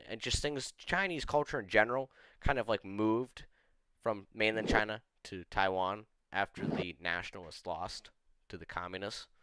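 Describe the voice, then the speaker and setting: A young man on a stream rambles casually, giving blunt opinions and saying "like" constantly. His fairly low voice sounds bright, forceful, clear and resonant, with no echo.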